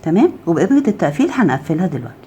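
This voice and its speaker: Racing along in a very animated, slightly rough voice on the low side, a woman with an Egyptian Arabic accent teaches crochet step by step. She counts stitches aloud, checks "okay?" often, and her voice sinks to a soft murmur while her hands are busy.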